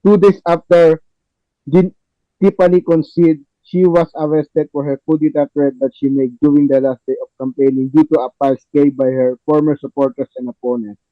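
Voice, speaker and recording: Acting as podcast host, a man narrates a play reading and chats with the cast in halting, repetitive, non-native phrasing. His fairly high voice barely moves in pitch, and the audio is dull with no echo.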